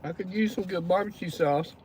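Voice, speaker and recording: A man's voice: high voice, brisk, a little mellow, a little hiss or hum. A Texan man hosting a casual livestream, chatting in a folksy way and greeting viewers by name. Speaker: livestream host. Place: pickup truck.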